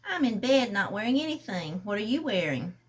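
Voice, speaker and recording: A woman's voice: medium pitch, sing-song, brisk, lightly acted. A woman reading a buoyant, teasing young woman. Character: playful, tipsy young woman on the phone. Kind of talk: reading a novel aloud.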